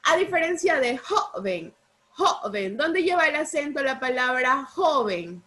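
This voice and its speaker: A woman's voice: high voice, animated, unhurried, very noisy. A woman teaching a primary school class online by video call, patiently repeating points and checking understanding with questions.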